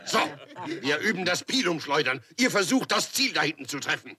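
A man playing a blustering, easily flustered Roman army drill officer who barks his orders in an animated film. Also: fairly high pitch, fairly quick, crowd noise. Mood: stern. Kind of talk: dubbed animated film acting.

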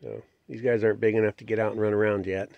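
A folksy man with a gravelly, creaky voice, narrating his farmyard on a handheld phone. The sound is dull and lo-fi, with chickens and outdoor noise behind him. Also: lowish voice, quick pace. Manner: relaxed, folksy, talks to animals. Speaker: homestead vlogger. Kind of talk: casual narration while filming. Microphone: phone camera held by the filmer.

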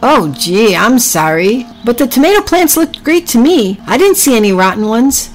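A woman's voice: on the high side, very animated, normal speed, pitched above the performer's own voice. A breezy, mischievous little rat played by a woman with a raised, innocent voice. The storybook character sounds casually apologetic, with music underneath. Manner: breezy, innocent excuse-making.

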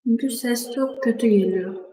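A woman streaming a chess game, talking slowly with many fillers, her voice coming through with a heavy echo. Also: fairly high pitch, mellow. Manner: slow, halting, with many fillers. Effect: heavy echo on the stream audio. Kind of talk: casual live-stream commentary. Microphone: streaming setup through broadcast software. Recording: echoey, hollow stream audio.

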